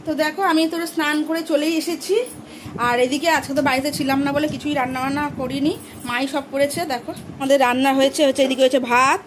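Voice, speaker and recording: A woman's voice: sits high, fairly even intonation, fast, noisy background. A woman vlogging her day as a mother, talking straight to her viewers in a chatty, casual way. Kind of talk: casual daily vlog narration. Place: outdoors on the street, then at home.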